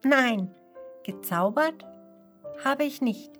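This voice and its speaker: A woman voicing a kind little male sheepdog in a children's story, speaking gently. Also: high voice, expressive, takes it slowly, faint music behind, voice pushed up, heavily acted. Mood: gentle.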